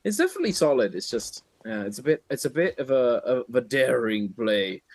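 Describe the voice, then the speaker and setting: A man commentating live on a gaming tournament in an excitable, theatrical way, moving between calm calls and exclamations. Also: mid-range voice, fairly quick. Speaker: esports commentator.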